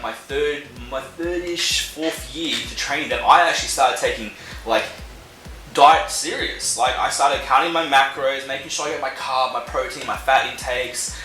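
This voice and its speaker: Young Australian man, casual fitness vlog, slangy and laid-back, bright forceful voice, echoey room. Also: mid-range voice. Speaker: fitness vlogger. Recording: echoey room with faint music.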